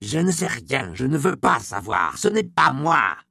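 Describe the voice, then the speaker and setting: A man voicing a frantic, terrified old monk who shouts in hysterical outbursts. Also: medium pitch, big pitch swings, slow, gravelly, dry recording, clean studio sound, voice pushed up, full character voice.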